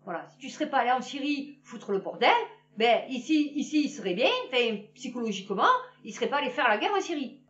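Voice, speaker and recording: A woman's voice: on the high side, animated, fast. A woman giving a blunt, heated opinion in casual slang, repeating her phrases for emphasis. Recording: muffled, from a distance.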